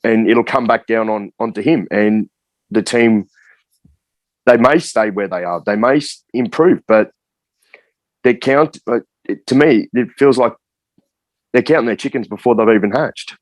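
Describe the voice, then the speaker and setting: An Australian man with a lowish voice speaks plainly and hesitantly, filling pauses with "um" as he works through his point. The sound is close and dry. He comes across as a guest talking shop on a casual podcast. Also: no echo, rough recording. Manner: hesitant, filler-heavy, plain-spoken. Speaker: guest coach.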